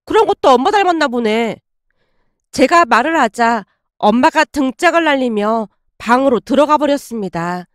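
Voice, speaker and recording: A woman narrating a scripted family story in the first person, as the daughter, in an even manner. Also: high voice, moderate pace, dry recording, studio quality.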